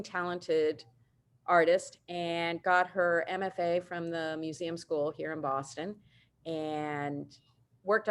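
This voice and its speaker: Enthusiastic woman presenting a virtual talk. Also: fairly low pitch. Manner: warm, enthusiastic explaining; informal asides and self-corrections. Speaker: printmaker presenting artists' work. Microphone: video call.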